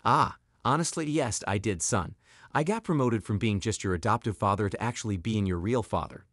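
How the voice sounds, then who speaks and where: A man's voice: on the low side, a little fast, a bit bright, dry recording, clean studio sound. A male narrator voicing a blunt, wronged single father who speaks firmly. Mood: warm. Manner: blunt, firm.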